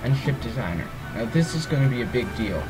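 Over music on a low-quality recording, a man with a groggy, medium-pitched voice speaks fast in a sing-song way. He's a let's play gamer giving a casual walkthrough of a strategy game's menus. He's hesitant, rambles, and frequently says um and corrects himself.

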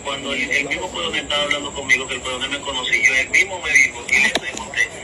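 A man's voice: mid-range voice, steady tone, fast, heavy background noise. A man, arguing defensively and insistently on a recorded phone call. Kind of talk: heated phone argument.

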